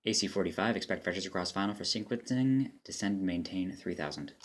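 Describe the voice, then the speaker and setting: This man speaks fast with lively intonation, his voice sitting low. As an air traffic controller player narrating a demo, he mixes crisp standard phrases with offhand commentary.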